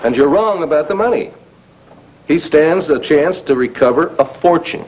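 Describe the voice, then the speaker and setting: An actor playing a short-tempered grown son in a 1980s daytime soap, talking in a curt, irritable way, heard from an old VHS tape transfer. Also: male voice, fairly high pitch, expressive, normal speed, darkish tone, breathy edge. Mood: explaining. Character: tense, short-tempered grown son chasing a lost fortune. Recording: dull lo-fi VHS with faint hiss.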